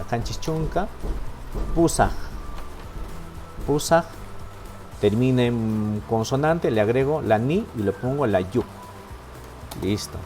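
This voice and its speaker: A man's voice: lowish voice, mellow. A man teaching a language class online, patient and step by step, often checking in with his students. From Peru. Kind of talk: online lesson, explaining step by step.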